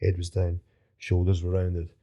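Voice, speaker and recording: This low, dark-toned male voice is monotone at a normal speed. He's a Scottish MMA fighter guesting on a podcast, spinning loose, meandering stories in a relaxed interview, full of swearing and frequent laughter.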